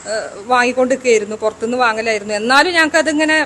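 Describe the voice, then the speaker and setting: A woman's voice: fairly high pitch, rapid-fire, fairly bright tone, slight background noise, low-quality recording. Woman, community hotel worker, earnest plain answers. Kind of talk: interview answer.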